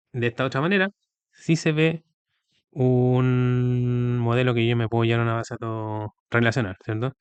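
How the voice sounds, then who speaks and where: A man's voice: medium pitch, clear, resonant tone, no room sound. A man giving a recorded video lecture, explaining step by step and often checking with the students. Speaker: teacher.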